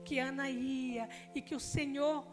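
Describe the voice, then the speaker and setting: A middle-aged woman with a Brazilian accent, preaching a testimony sermon in church with emotional storytelling that moves from loud to hushed. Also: high-pitched, steady tone, measured pace, over music.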